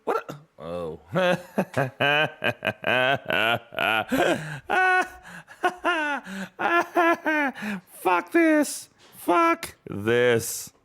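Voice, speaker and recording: A man with a lowish voice narrates his own gameplay for a live stream. He talks slowly, his pitch jumping around as he grumbles, swears and chats casually with viewers. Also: clear, resonant tone. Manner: profane, easily annoyed, talks to himself.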